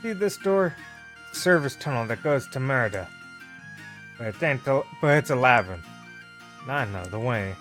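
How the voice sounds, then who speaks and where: Man doing a scheming squirrel guide, rough put-on Scottish accent, gruff and blunt. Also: medium pitch, lively intonation, moderate pace, pauses often, a bit bright, soft background music, lightly acted. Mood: wheedling. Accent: attempted Scottish.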